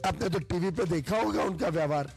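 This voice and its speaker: A man's voice: high voice, brisk, creaky, a little mellow, soft background music. A man giving an indignant, reproachful statement to the press as a politician.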